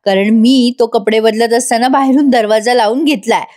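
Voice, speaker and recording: Woman doing a young wife, headstrong, teasing, insistent, caring, fairly high voice. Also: fairly even intonation, normal speed, darkish tone, natural voice.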